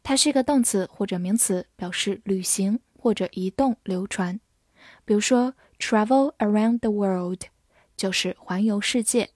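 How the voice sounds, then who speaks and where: Slow, patient woman teaching English words. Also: medium pitch, a little mellow, no echo, studio quality. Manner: patient, methodical, spells words letter by letter. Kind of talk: vocabulary lesson, spelling and slow read-alongs.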